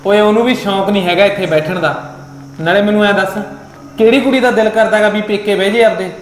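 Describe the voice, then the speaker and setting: A man's voice: high-pitched, fairly even intonation, fast, a little hiss or hum, natural voice. A man acting as an exasperated young husband and protective brother, scolding and impatient in a short film drama. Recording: echoey room with long reverb.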